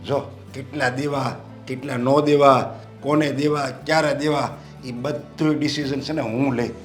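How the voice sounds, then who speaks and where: A man playing a stern older father with a hoarse voice who scolds his son and insists the property is his to give. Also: medium pitch, level tone, a little slow, soft background music, lightly acted. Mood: firm. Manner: authoritative, scolding. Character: firm, proud elderly father, owner of the property. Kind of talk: Gujarati short film acting.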